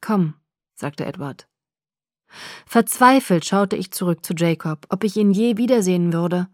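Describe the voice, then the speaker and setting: A woman narrating a first-person audiobook in a measured, steady storytelling manner. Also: lowish voice, no room sound, studio quality.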